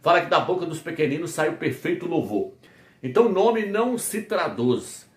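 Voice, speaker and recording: A man's voice: on the high side, lively intonation, moderate pace, reverberant. A man preaching a Bible lesson, asking questions and answering them himself with emphasis. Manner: emphatic call-and-response questions. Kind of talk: preaching a Bible teaching video.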